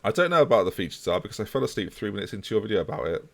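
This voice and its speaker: While playing a football management game on stream, this man talks to his chat in a relaxed, chatty way. His lowish voice carries vocal fry, and he speaks rapid-fire.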